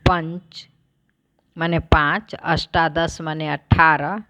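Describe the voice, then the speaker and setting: A woman teacher who reads each word aloud, then explains it plainly, in a slow, deliberate lesson. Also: low-pitched, level tone, a bit bright, dry recording.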